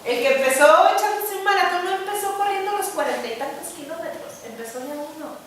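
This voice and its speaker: A woman's voice: very high voice, fast talker. A woman preaching a sermon to a church gathering, earnest and conversational, often checking that her listeners agree. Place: church hall. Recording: distant mic in an echoey church hall with faint noise.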